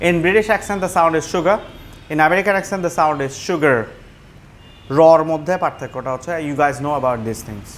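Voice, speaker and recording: A man with a Bangladeshi accent teaching English pronunciation in a classroom, repeating words slowly and mixing English phrases into his explanations. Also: fairly high pitch, a little hiss or hum. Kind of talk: classroom lesson.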